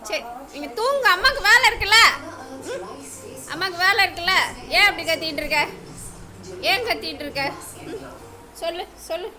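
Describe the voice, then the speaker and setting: A woman's voice: very high-pitched, animated, moderate pace, pauses often, a crowd in the background. A woman at home talking casually to her pet dogs, scolding and teasing them with repeated questions. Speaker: dog owner vlogger. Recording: noisy home recording.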